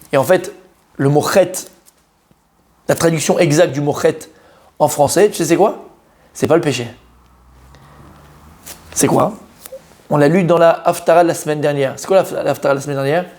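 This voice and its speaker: In this Torah lesson given in French, the teacher's voice is fairly high. He is animated, tests his students with questions, repeats the essentials and mixes Hebrew words into his speech.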